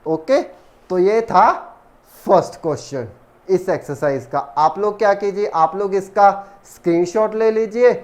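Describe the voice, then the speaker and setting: A man's voice: sits high, a little slow, darkish tone. A man teaching a math lesson step by step, counting terms aloud as he works. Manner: talks while working, counts terms aloud. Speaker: math tutor.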